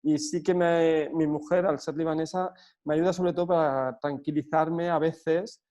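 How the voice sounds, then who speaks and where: A man from Spain, a football coach answering interview questions earnestly, pausing often with fillers. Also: fairly high pitch, fairly even intonation, dark tone. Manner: earnest, hesitant with frequent fillers and restarts.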